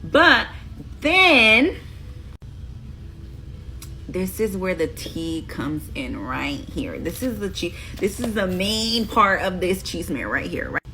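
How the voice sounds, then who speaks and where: A woman's voice: lowish voice, animated, a little slow, hardly any pauses, a bit bright, poor audio. A woman casually retelling a Bible story in slangy, chatty talk, acting out the quotes as she goes. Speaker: host.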